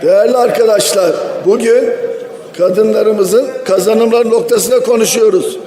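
A man's voice: high-pitched, measured pace, dark tone. A man, a member of parliament, giving a formal, declamatory speech at the speaker's rostrum microphone in a parliament chamber. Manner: formal and declamatory, listing achievements. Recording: long reverb of a large hall.

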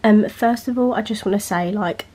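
A young woman beauty vlogger chats casually from her bedroom, filming freehand on a handheld camera. She's nasal while recovering from illness, and she rambles with heavy fillers. Her mid-range voice is darkish with a breathy edge, at a moderate pace.

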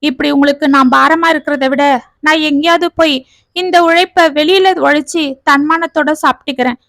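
A woman's voice: high-pitched, steady tone, moderate pace, fairly bright tone, dry recording. A woman voicing a hurt, resentful housewife who lists her grievances in a pleading tone, read as a storybook. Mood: aggrieved. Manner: aggrieved, pleading, listing complaints. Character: hurt, resentful housewife writing a farewell letter. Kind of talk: storybook reading.

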